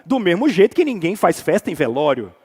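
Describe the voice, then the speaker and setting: A man's voice: high voice, big pitch swings, brisk, darkish tone, breathy edge, long reverb tail. A Brazilian man preaching a casual sermon as pastor, talking informally and addressing the congregation directly with everyday slang. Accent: Brazilian Portuguese. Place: church sanctuary.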